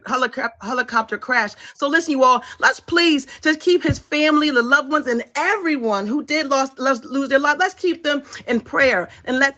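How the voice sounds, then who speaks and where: A woman's voice: high voice, bright, forceful tone, lo-fi sound. A woman hosting a casual livestream, hyping her audience and repeating phrases as she talks. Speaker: livestream host.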